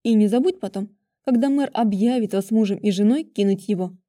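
A woman's voice: medium pitch, fairly quick, dark tone, lightly acted. A woman voicing a stern, bossy female witch who grumbles and gives strict orders in an audiobook. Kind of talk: audiobook character voice.

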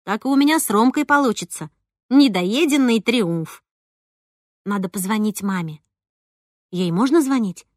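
A woman narrating a first-person novel with a lively, expressive reading. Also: on the high side, dry recording, studio quality. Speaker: audiobook narrator.

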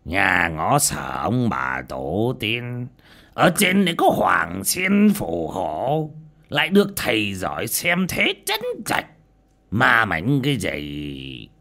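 A man's voice: lowish voice, very animated, creaky, pushed and bright, full character voice. A man doing a grave old landlord. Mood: scolding. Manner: slow, grave, commanding. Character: stern old male landlord, gruff.

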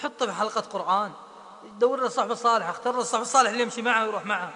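Fervent high-voiced preacher, echoing. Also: male voice, racing. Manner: fervent, rising to shouts, repeats phrases for emphasis. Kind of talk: impassioned sermon. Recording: long hall reverb.

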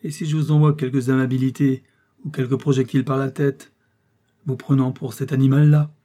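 A man voicing a gruff, excitable male army general, speaking in an emphatic, exclaiming way. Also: mid-range voice, a little fast, lightly acted.

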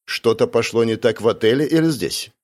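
A man's voice: medium pitch, fairly quick, a little mellow, natural voice. A man voicing a cold, stern young woman. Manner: cold, clipped questioning.

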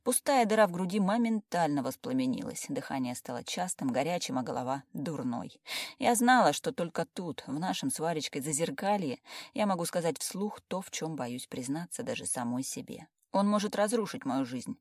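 A woman's voice: deep voice, animated, moderate pace, darkish tone, dry recording, clean studio sound. Woman reading a wry first-person story. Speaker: audiobook narrator.

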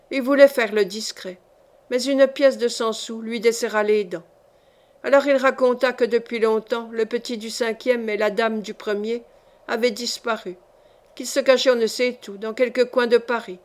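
A woman narrates a classic novel in a measured, careful audiobook reading. Her voice sits a little high for a woman, and she tells the story clearly and steadily. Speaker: audiobook reader.

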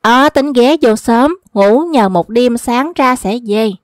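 A woman reads humorous folk tales aloud, steady and even. Her voice sits fairly high. The recording is dry and close, with no room sound. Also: slow, no room sound. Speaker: storyteller.

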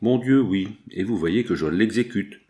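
A man voicing a gruff, mocking male concierge in a spoken novel, curt and sneering. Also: fairly low pitch, expressive, normal speed, a little mellow, lightly acted.

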